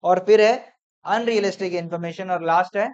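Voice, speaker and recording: A man's voice: high voice, brisk, a little mellow, lo-fi sound. A male accounting teacher revising a lesson with his class, quizzing them and going through numbered points, mixing English terms into Hindi. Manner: drills points in numbered lists, quizzing students.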